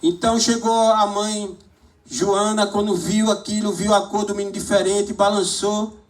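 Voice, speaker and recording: High-voiced exhorting preacher man. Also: level tone, normal speed. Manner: exhorting, asking the congregation for amens. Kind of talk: sermon. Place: church service hall.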